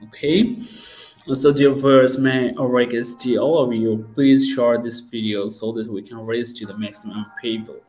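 A young man hosts a live interview on a video call, talking in halting bursts full of "uh" fillers as he asks questions and pleads with viewers to share. His voice sits at an ordinary middle pitch, and clear music plays behind him. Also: steady tone, a little mellow, rough recording. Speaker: host and teacher. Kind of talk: live-streamed English practice interview. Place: home room with starry painted wall. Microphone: webcam on video call.

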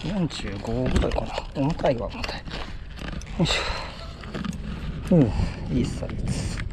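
A man filming his fishing trip, chatting politely and eagerly on a breakwater, with quick agreeing replies. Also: mid-range voice, lively intonation, very noisy. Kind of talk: casual fishing chat. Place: outdoors on a harbor breakwater.

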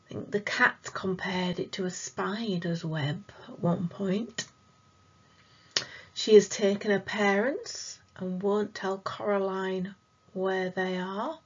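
A woman teacher gently reading a novel aloud for a lesson and asking her listeners questions. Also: medium pitch, highs cut off.

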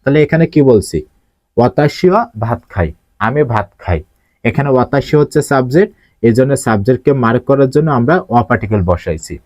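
Male language teacher, patient step-by-step explainer, mid-pitched voice, dry close recording. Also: expressive, fast talker, a little mellow, no room sound. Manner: asks rhetorical questions and answers them himself. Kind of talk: grammar lesson explanation.

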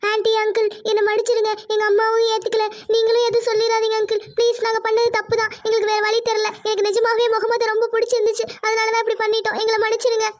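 A woman plays an earnest young cartoon bride with a very high, quick voice. She pleads sincerely and sounds close and dry. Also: monotone, no echo. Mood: pleading.

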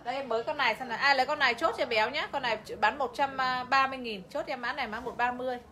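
A woman's voice: high voice, very fast, pushed and bright, a little hiss or hum. A woman selling clothes on a livestream, chatty and talking straight to her viewers. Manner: chatty, addresses viewers directly, laughs often. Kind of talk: live sales pitch.

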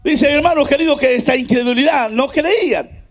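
High, gravelly shouting preacher. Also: male voice, moderate pace. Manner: fervent, shouting in bursts, then dropping low. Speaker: pastor. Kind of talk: shouted Pentecostal sermon.

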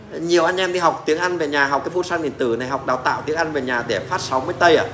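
A middle-aged mechanic, talking off the cuff in a blunt, mocking way and swearing as he goes. His voice sits a little high for a man, with a faint hiss of noise behind it. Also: fairly bright tone. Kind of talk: casual rant to fellow mechanics.

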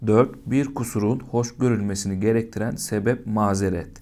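A man's voice: on the low side, fairly even intonation, a little fast, dark tone. A man teaching a primary school lesson, patiently asking young children questions and answering them himself.

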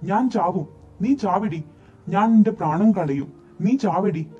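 Man putting on an angry old matriarch, shouting, mellow tone, raised pitch, muffled recording. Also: animated, normal speed. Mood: furious. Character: harsh furious older woman, family matriarch. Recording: dull lo-fi recording, faint music behind.

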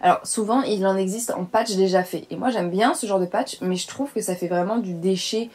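A young woman talks through her skincare haul in a relaxed, chatty way, often pausing on fillers and restarting her sentences. Her pitch sits in the middle range for a woman. It sounds like a casual beauty vlog made at home. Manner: chatty, hesitant with frequent fillers. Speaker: beauty vlogger. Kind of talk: casual product review chat.

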